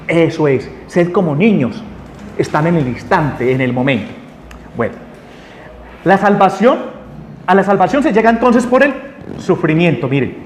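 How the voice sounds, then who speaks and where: Man teaching a spiritual lesson in an echoey hall. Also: sits high. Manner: asks the audience questions, animated. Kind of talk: lecture to a group. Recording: echoey room with long reverb, faint noise.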